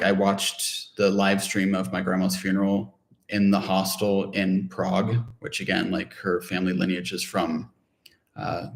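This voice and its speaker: Low, gravelly man in his thirties. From Ohio. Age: 30s. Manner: halting, many restarts and fillers, reflective. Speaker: vlogger co-host. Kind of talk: casual livestream chat.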